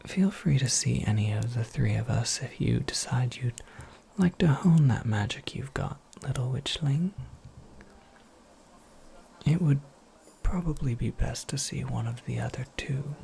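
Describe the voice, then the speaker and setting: In a whispered ASMR roleplay, a performer portrays a wry, soft-spoken witch mentor, her breathy, medium-pitched whisper moving very slowly and crackling with vocal fry. The phrasing is formal, cryptic, and dryly playful, the mood gentle and playful, with faint background noise.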